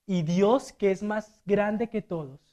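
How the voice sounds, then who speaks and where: A man preaching a sermon as a deacon in a church. He swings between loud and hushed delivery and acts out the quotes. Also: sits high, slow, muffled recording.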